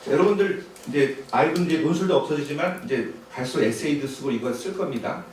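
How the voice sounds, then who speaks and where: A man's voice: a little high, fast. Man lecturing in a very echoey hall. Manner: conversational, rhetorical questions. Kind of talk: public lecture to parents. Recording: very echoey hall, distant mic, faint noise.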